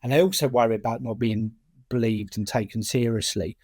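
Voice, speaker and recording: A man's voice: mid-range voice, fairly even intonation, brisk, darkish tone, no echo, clean studio sound. A man with a British working-class accent answering in a conversational interview, often repeating words and restarting sentences as a campaigner. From United Kingdom. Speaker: charity chair and campaigner.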